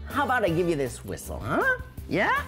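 A man's voice: high voice, huge pitch swings, moderate pace. A middle-aged man playing a goofy, hungry, sneaky pool coach on a kids' show, talking in an exaggerated, wheedling way. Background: music.

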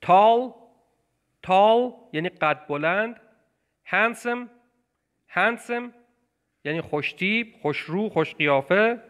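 A man teaching English vocabulary, patiently repeating words and phrases slowly. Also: high voice, expressive, a bit bright. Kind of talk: language lesson explaining film clips.

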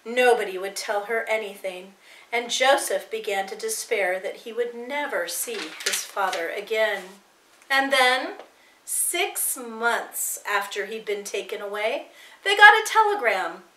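A woman teacher reading a novel aloud to her students with expressive, dramatic storytelling. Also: fairly high pitch, a little slow. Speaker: English teacher. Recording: echoey room.

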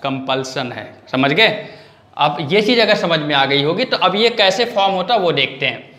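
A man's voice: fairly high pitch, animated, moderate pace, sharp tone. Man teaching grammar in an echoey room. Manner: asks questions and answers them himself, repeats key points. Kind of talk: online lesson.

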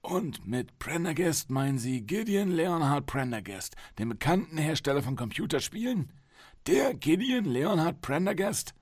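A man voicing a calm, condescending police psychologist in his early forties in an audiobook reading. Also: medium pitch, moderate pace, breathy edge, no echo, clean studio sound, voice pushed up. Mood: patronizing.

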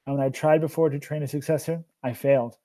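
A man voicing a tired old man who is a burdened mentor, speaking slowly and earnestly. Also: on the high side, steady tone, warm tone, close to an everyday voice. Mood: weary.

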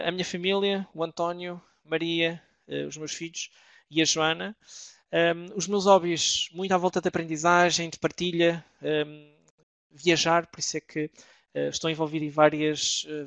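A middle-aged man from Portugal with a European Portuguese accent, giving a webinar presentation with many pauses and restarts. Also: on the high side, vocal fry, fairly bright tone, dry recording. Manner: hesitant, many filler sounds and restarts.

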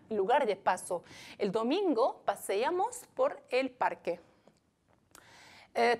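A Spanish teacher from Morocco with a Moroccan accent, giving a recorded classroom lesson. She explains slowly, repeats her examples and asks the class questions. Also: sits high.

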